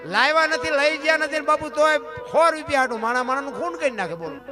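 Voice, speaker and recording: High-voiced storyteller over guitar. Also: male voice, quick pace. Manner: rhetorical questions, addresses listeners as bapu. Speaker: folk storyteller. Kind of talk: preachy folk sermon. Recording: guitar music behind.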